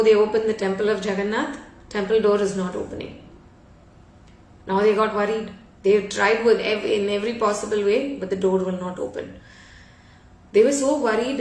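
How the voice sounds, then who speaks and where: Woman chatting through a devotional story, lots of uh and you know, kinda far from the mic in an echoey room. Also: mid-range voice. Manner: conversational, frequent fillers and restarts. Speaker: devotional speaker. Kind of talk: storytelling talk.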